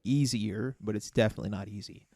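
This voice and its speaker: A man's voice: fairly low pitch, fast talker, warm tone, dry recording, clean studio sound. A man co-hosting a casual podcast, explaining himself earnestly and carefully, with many fillers and restarts. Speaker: podcast co-host.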